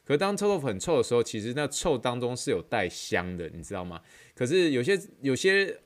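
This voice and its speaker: A man's voice: mid-range voice, big pitch swings, brisk. A man with a Taiwanese Mandarin accent hosting a podcast in casual, rambling chat that repeats phrases. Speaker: podcast host.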